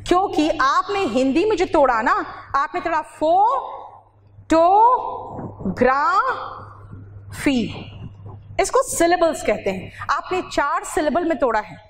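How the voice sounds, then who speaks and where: A woman's voice: very high voice, lively intonation, normal speed, hardly any pauses, a bit bright. A woman teaching English vocabulary in a classroom lecture. She asks her students questions and then answers them herself, and she mixes English phrases into her explanations. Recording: reverberant hall with faint noise.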